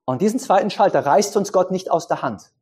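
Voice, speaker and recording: A man's voice: animated, fairly quick, slightly rough. A man preaching a sermon who puts questions to his congregation and explains his points with simple images. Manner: pitch swings up for emphasis and drops low for quiet points.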